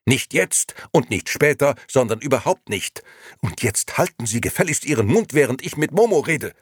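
Brief: narrator doing a nerve-shot, yelling young man, strained and high, dry storybook read. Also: very animated, normal speed, gravelly, husky, no room sound, exaggerated voice. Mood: desperate. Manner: shouting, desperate, exasperated. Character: frazzled, hot-tempered young man at the end of his nerves.

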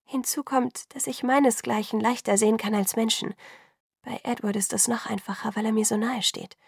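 Alice, a bright young vampire as a woman voices her. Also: a little high, gravelly, slightly rough, dry recording, studio quality. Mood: explaining. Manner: brisk and lively, talks fast when excited. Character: quick, bright young female vampire seer. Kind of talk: audiobook reading.

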